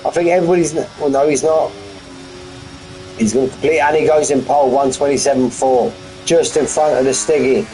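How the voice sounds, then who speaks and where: A man's voice: mid-range voice, fairly even intonation, fairly quick, dark tone, soft background music, low-quality recording. A man giving live race commentary on a stream from his front room at home, chatty and full of banter with his viewers. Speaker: sim racing commentator.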